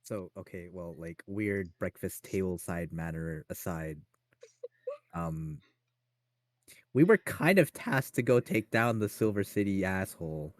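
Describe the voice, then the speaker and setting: Young man player, deep voice, lively pitch, laid-back wry talk, dry sound. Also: measured pace, no room sound. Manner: laid-back, mumbling fillers, wry remarks. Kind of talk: casual chat during a tabletop game.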